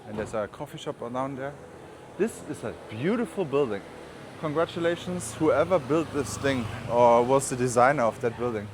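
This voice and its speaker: With lively intonation, a medium pitch, and a moderate pace, a German man with a German accent vlogs on foot along city streets, rambling casually and adding informal asides. Traffic and urban ambience fill the background.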